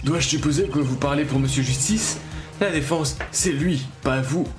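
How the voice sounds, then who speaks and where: A man's voice: on the high side, normal speed, over music, natural voice. A man voicing a smug, arrogant male courtroom prosecutor, reading game dialogue in a haughty, mocking way.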